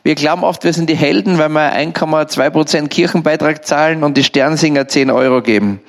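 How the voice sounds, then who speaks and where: Male lay preacher, somewhat high voice, lively storyteller, speaks straight to the listener. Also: fairly quick. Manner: animated, repetitive, addresses the listener directly. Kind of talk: storytelling sermon.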